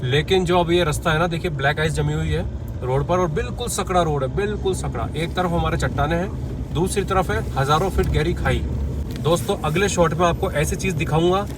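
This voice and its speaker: Excitable male road-trip vlogger. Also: a little high, background noise. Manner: excited, chatty, addresses viewers as friends. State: short of breath at altitude. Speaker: travel vlogger. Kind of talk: travel vlog narration while driving. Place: inside a car on a mountain road.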